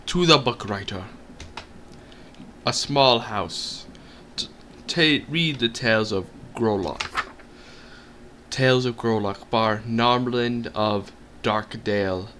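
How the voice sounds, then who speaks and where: A man streams a text game from his home setup, reading its story aloud in a storybook cadence and putting on voices for the quoted lines. His voice is medium-pitched with a sharp tone, and there's a slight hiss or hum.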